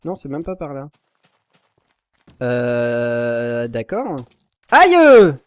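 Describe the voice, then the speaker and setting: A man's voice: medium pitch, extremely slow, a little mellow, clear, resonant tone, no room sound. A young man casually commenting on his video game as he plays, rambling and self-correcting, with sudden panicked yelps. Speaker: Minecraft YouTuber.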